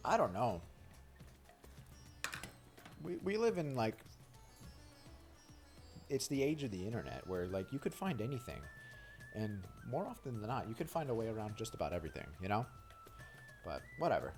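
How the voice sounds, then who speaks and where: A man's voice: fairly low pitch, huge pitch swings, normal speed, long pauses, a little mellow, faint music behind. A man streaming a video game, chatting casually in a rambling, frank way with many fillers. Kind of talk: casual chat while gaming.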